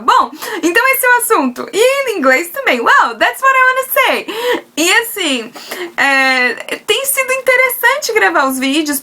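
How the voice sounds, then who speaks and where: A woman's voice: high voice, pushed and bright. A young Brazilian woman with a Brazilian Portuguese accent, chatting casually to her viewers in a vlog, with frequent fillers and self-corrections. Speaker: vlogger.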